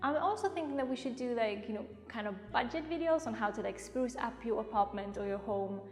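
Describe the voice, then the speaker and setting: A chatty woman vlogger talks casually and sprinkles in filler words. Her voice bounces around a bare, nearly empty apartment room, giving it a strong echo with a long tail. Soft music plays faintly underneath. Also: a little high, animated, brisk. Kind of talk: casual home vlog chat.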